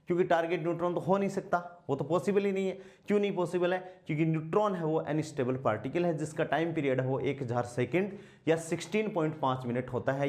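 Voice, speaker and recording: A man teaching a physics class, asking rhetorical questions and answering them himself, and slowing down to dictate while he writes. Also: a little high, darkish tone. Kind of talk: blackboard lecture.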